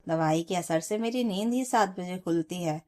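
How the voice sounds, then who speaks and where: A woman voicing a sick, weary young daughter-in-law who speaks softly and reasons calmly in a storybook tale. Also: lowish voice, normal speed, natural voice.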